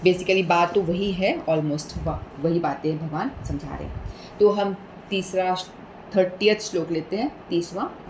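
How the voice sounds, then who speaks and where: A woman giving a patient scripture talk, mixing English words in and chanting Sanskrit verses slowly. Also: on the low side, a little mellow, slight background noise, rough recording. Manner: patient, explanatory, repeats points with everyday examples; mixes English words into Hindi. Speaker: speaker explaining scripture.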